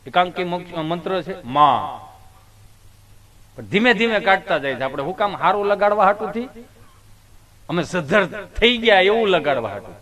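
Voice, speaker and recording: High-voiced man telling comic stories. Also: very animated, moderate pace, pauses often, pushed and bright. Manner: folksy storytelling, acts out the people in his anecdotes. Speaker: stage comedian. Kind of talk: live comic storytelling.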